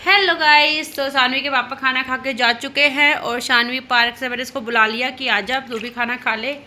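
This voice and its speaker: A young woman talks in a high, clear, very bright voice, chatting casually at home. She tells family stories in a teasing, storytelling way, with a faint hiss behind her. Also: steady tone, moderate pace. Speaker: vlogger and mother. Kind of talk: casual home vlog chat.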